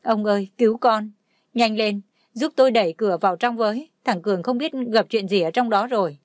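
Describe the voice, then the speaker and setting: A woman's voice: mid-range voice, fairly quick, dry recording, studio quality, natural voice. A woman voicing an anxious middle-aged mother who scolds and pleads. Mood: panicked.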